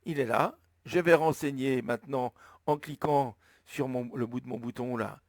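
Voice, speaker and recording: A man with a French accent slowly explaining, step by step, how to enter a flight plan, thinking aloud as he goes. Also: medium pitch, no echo, studio quality. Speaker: flight sim tutorial maker. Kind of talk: screen-recorded tutorial narration.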